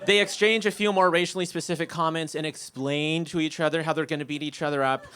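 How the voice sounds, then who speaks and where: A young man telling a comic story on a theater stage, wry and animated, often laughing. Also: on the high side, fast talker.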